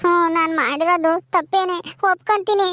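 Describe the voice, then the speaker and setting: A timid young village wife, voiced by a woman, hesitant and tearful as she pleads. Her voice is very high and heard up close and dry. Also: fairly quick, a bit bright, no room sound, lo-fi sound. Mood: pleading.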